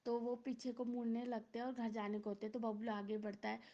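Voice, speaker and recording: A woman's voice: on the high side, monotone, fairly quick, dark tone. A woman telling a story casually, in an informal and repetitive way with many fillers, on a dull lo-fi recording.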